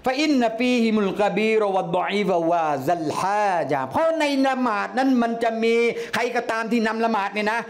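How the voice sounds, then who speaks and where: A man teaching a religious lecture to a congregation, lively, calling out chanted phrases loudly. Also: extremely high pitch, brisk, few pauses. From Thailand.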